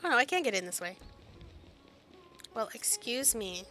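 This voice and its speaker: A woman's voice: fairly high pitch, sing-song, normal speed, pushed and bright. A woman streaming a game, chatting to herself casually as she plays. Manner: chatty, talks to herself while playing. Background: game music.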